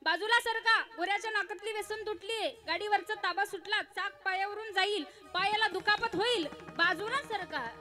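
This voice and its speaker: A woman voicing a panicked village man who shouts warnings from a runaway bullock cart, loud and drawn out. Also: very high voice, moderate pace, few pauses, faint music behind, pitched above the performer's own voice. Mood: panicked shouting.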